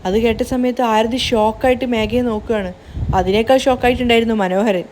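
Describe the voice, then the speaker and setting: A woman retells the episodes of a TV serial in a steady storytelling way. Her voice sits fairly high, and a faint hiss of noise runs underneath. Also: quick pace. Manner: steady retelling, reads all roles herself. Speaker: narrator of serial recaps.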